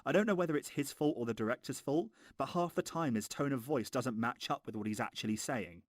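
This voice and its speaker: A man's voice: medium pitch, a little fast. A man narrating a scripted film review in a mocking, exasperated, sweary way.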